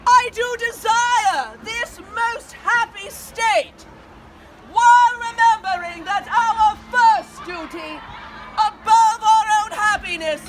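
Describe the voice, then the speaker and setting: A woman playing a stately, very high-voiced queen. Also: heavily acted. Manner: declaiming, stately public oratory. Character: proud, stately royal queen devoted to her realm. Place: outdoors among a crowd near traffic. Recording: outdoor crowd and street noise.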